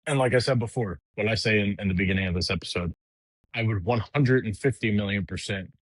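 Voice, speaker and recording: A man's voice: lowish voice, quick pace, dry recording, low-quality recording. A middle-aged man hosting a podcast, ranting casually in a blunt, heated, profane way with frequent restarts. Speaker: podcast host. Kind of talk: casual political rant.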